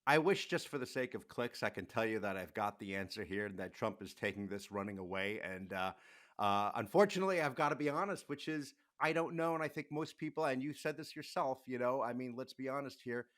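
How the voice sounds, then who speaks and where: A young man guest on a radio show, with a rough morning voice, talking candidly and thinking aloud about the race. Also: medium pitch, fairly even intonation, a little fast, a bit bright. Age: young adult. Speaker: guest, podcast co-host and editor. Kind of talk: casual political chat.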